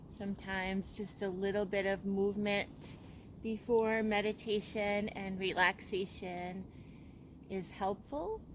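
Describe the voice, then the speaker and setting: Faint background noise sits under a woman's mid-pitched voice as she guides a relaxation in her role as a yoga teacher. Her pace is very slow and gentle, and soothing pauses separate her instructions.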